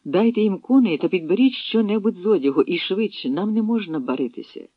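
A man's voice: high voice, animated, brisk, dry recording, pitched above the performer's own voice. Male reader doing a bold nomad raider leader, commanding voice; phone-like sound. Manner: commanding, hearty. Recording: tinny phone-like dry sound.

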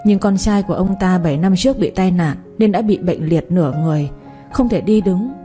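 A woman reading a pleading gentle young daughter. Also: fairly low pitch, brisk, soft background music, natural voice. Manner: pleading, tearful.

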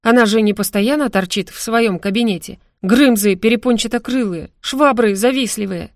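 A woman reading an audiobook voices a fiery young female student in a shrill, scolding manner. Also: normal speed, no room sound, clean studio sound, close to an everyday voice. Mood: ranting.

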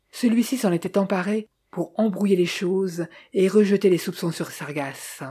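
Woman audiobook narrator, low and husky, measured first-person crime story reading. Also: dark tone. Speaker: audiobook reader.

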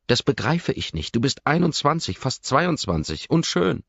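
A man's voice: mid-range voice, sing-song, moderate pace, gravelly, a bit bright, husky, dry recording, dull audio, pitched above the performer's own voice, full character voice. A man playing an intense, controlling young man. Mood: pressing, agitated.

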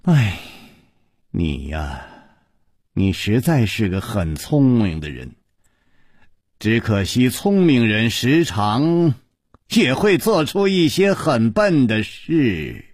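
A cold, domineering mistress of a martial sect, put on by a male storyteller. The voice sits deep and unhurried, with a husky grain, each threat laid down slowly. It is close and dry, like a storybook read aloud on radio. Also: big pitch swings, darkish tone, dry recording, heavily acted. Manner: low, slow, menacing delivery. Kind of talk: traditional storytelling broadcast.

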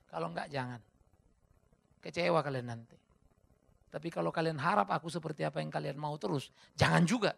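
A male pastor preaching a sermon in a fiery, conversational way, swinging between quiet asides and loud emphasis. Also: on the high side, fairly quick, vocal fry, pauses often.

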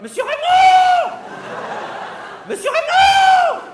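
A man voicing an impatient, exasperated female shop cashier who yelps her lines in a shrill falsetto. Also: brisk, echoey room, a loud crowd. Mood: shrieking. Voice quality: shrill, yelping. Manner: snappish and impatient. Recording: live stage recording with faint audience noise.

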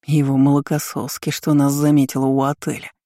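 A woman's voice: a bass voice, monotone, a little fast, dark tone, no echo, studio quality. A woman voicing a smug, predatory male lover in an audiobook story, speaking in a sly, purring way.

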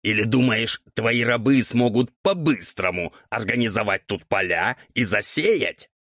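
A man's voice: fairly low pitch, expressive, unhurried, a bit bright, dry recording, clean studio sound, voice pushed up, full character voice. A man voicing a playful, sly male ghoul mentor who teases his pupil, in an audiobook. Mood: practical. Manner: teasing, amused. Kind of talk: audiobook character voice.

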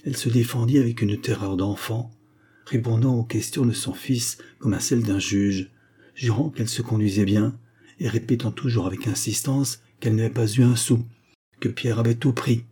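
A man reading a classic novel aloud as an audiobook narrator, steady and measured. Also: medium pitch, husky. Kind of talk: scripted literary narration.

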